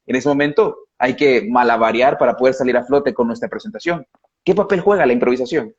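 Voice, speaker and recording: A man's voice: mid-range voice, a little fast, slightly rough. A man hosting a live-stream interview, asking questions in a polite, formal way. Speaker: host. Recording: dull lo-fi live-stream audio.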